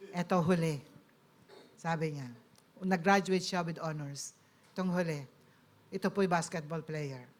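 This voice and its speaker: A woman's voice: low-pitched, fairly even intonation, measured pace, long pauses. A middle-aged woman from the Philippines with a Filipino accent, giving a personal testimony sermon and politely addressing her audience as she mixes in English.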